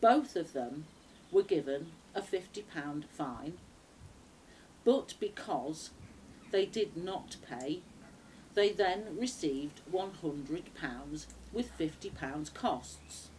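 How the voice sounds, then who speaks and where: A woman with a fairly low voice reads a dictation passage from a script. She goes slowly and deliberately, phrase by phrase with pauses. It is recorded outdoors on a patio, with clear background noise. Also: animated, darkish tone, poor audio. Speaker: shorthand dictation reader. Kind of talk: measured shorthand dictation read from a script. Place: small outdoor backyard patio. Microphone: camera a few metres away.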